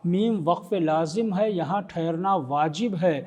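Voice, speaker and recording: A man with an Indian Urdu accent, a maulana teaching Quran recitation rules. He explains, quizzes the listeners and breaks into slow melodic chanting. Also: high voice, darkish tone. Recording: long reverb in a hall.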